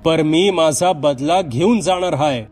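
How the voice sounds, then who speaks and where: Guy doing a growly rural marathi ghost lady, high and threatening, bedtime horror story. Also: unhurried, darkish tone, soft background music, close to an everyday voice. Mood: menacing. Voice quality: growling, harsh. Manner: menacing, taunting threats. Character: vengeful female ghost possessing a young village nurse.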